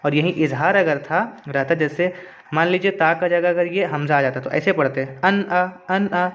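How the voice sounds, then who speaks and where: A man teaching Quran reading in an online tutorial. He spells syllables out slowly and draws them out, then explains briskly. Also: a little high, fairly bright tone, dull audio.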